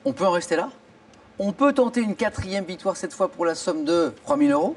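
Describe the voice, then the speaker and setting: Animated high-voiced quiz show host. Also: male voice, a little fast, creaky, slight background noise. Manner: animated, theatrical, exclaiming. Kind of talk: game show hosting. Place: television studio. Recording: from a distance over music and audience. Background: theme music and studio audience.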